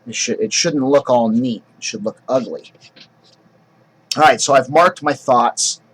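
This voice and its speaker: Man, drama teacher, husky tone, casual explanatory lesson, frequent restarts. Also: medium pitch, measured pace, a bit bright, rough recording. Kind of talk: acting lesson.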